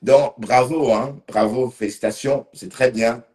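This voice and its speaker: A man hosts a casual live stream after a couple of drinks. His voice sits at an ordinary middle pitch. He rambles loosely and speaks straight to his commenters by name. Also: steady tone, measured pace, a little mellow. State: slightly tipsy.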